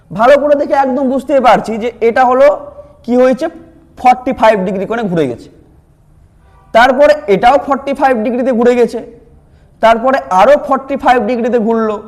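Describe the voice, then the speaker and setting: A man's voice: very high voice, darkish tone. A male teacher, explaining reasoning exam questions and answering his own questions. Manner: asks questions, then answers them himself.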